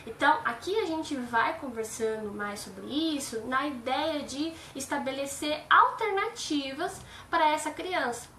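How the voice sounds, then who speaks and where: A woman's voice: high-pitched, animated, a little slow, few pauses, pushed and bright, echoey room, far from the mic, a little hiss or hum, poor audio. A Brazilian woman psychologist explaining on a live stream with everyday examples. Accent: Brazilian Portuguese.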